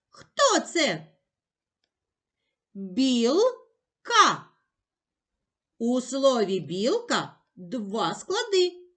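A woman teacher giving a slow, clearly articulated lesson for young children. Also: sits high.

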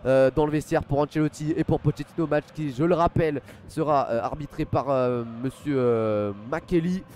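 A young French man hosts a live football stream from a desk in a small room at home, using a headset mic. He does pre-match commentary and reads chat, talking casually with lots of fillers and thanking viewers by name. His voice is a little high and a little mellow, at normal speed, with slight background noise.

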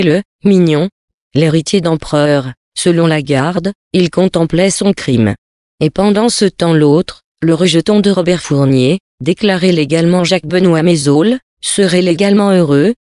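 Measured male audiobook narrator, dry sound. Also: on the high side, a little mellow, no room sound. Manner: measured literary reading, voicing characters with small shifts.

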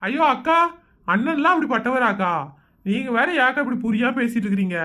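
A woman's voice: fairly high pitch, fairly quick, fairly bright tone, natural voice. A woman voicing a jokey young village man. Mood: placating. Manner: easygoing, jokey banter. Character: chatty young village man, brother-in-law. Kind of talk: cartoon voice acting.

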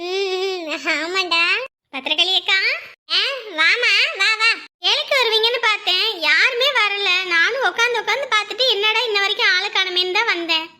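A performer voicing village women chats and scolds in a neighbourly village comedy skit. Her voice is very high and sharp, delivered at normal speed.

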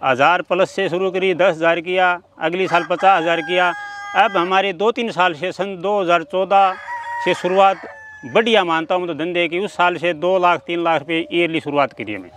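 Out on the farm with his flock, a middle-aged man describes his poultry work earnestly and in careful steps during an interview. He speaks in a high-pitched, fairly bright voice at a moderate pace, with a little background noise. The handheld mic sits at mid distance, and chickens cluck and crow nearby.

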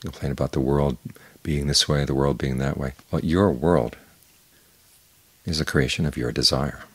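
Older monk giving an evening dharma talk, husky and super deep, slow and measured. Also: male voice, no echo. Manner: calm, measured, unhurried with pauses. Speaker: Buddhist monk teacher.

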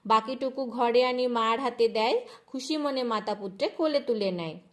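Woman, slightly high voice, calm home-ritual instructor reciting verse. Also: normal speed. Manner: soft chanting of devotional refrains, rhythmic verse reading.

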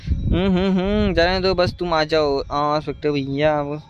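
A man casually commenting live on his gameplay, chatting with viewers and repeating words in rapid strings. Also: on the high side, flat delivery, muffled recording. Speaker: streamer. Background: faint ambient noise.

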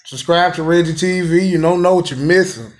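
A man's voice: fairly high pitch, a little fast. A man hosting a family vlog, trading laughing, profane, mock-threatening banter with relatives. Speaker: vlog host. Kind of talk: rowdy comedic family vlog.

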